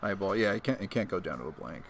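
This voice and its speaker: A man co-commentating live on a tabletop miniatures game in a relaxed, agreeable way. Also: deep voice, fast talker, creaky, a little hiss or hum. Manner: relaxed, agreeable, chuckles often.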